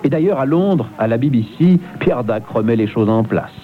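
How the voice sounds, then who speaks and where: A man's voice: mid-range voice, animated, moderate pace, phone-quality sound. A man reading scripted historical narration as the narrator of a radio documentary.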